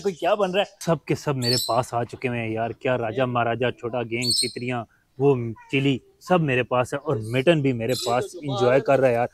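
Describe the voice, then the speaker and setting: With a slightly high, fairly bright voice and no room sound, a man casually shows off his mini zoo in a vlog-style chat. He's chatty and fond, talking affectionately to his birds and pets.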